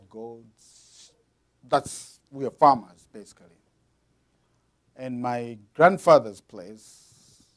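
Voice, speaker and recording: A man from Zambia preaching a sermon, explaining patiently to the congregation and reading aloud with dramatic swings in loudness. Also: mid-range voice.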